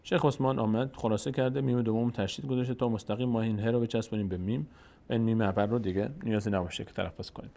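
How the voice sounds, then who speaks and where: A man with a Tajik-influenced Persian accent teaching Quran recitation, explaining the rules and slowly drawing out each Arabic word as he demonstrates it. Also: fairly low pitch, steady tone, gravelly, warm tone. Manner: slow, drawn-out demonstration of Arabic words between explanations. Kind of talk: recitation lesson.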